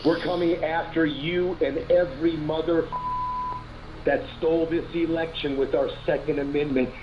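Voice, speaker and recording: A man leaving a menacing voicemail, speaking slowly and deliberately. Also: on the high side, fairly even intonation. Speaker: threatening voicemail caller. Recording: dull, noisy voicemail playback.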